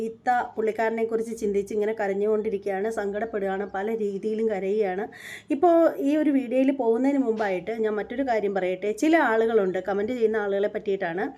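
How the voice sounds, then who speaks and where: A woman's voice: fairly high pitch, darkish tone. Chatty woman in her forties. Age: 40s. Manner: chatty, repetitive, sometimes indignant. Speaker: reaction channel host. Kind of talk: casual monologue to viewers.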